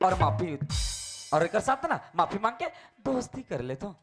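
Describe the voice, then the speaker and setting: A man plays a cocky, hot-headed college boy on a comic folk stage. He has a Chhattisgarhi accent and a highly animated, swinging pitch. Music runs clearly behind him. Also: moderate pace. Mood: smitten, conciliatory. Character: cocky, hot-headed young male college student, easily smitten.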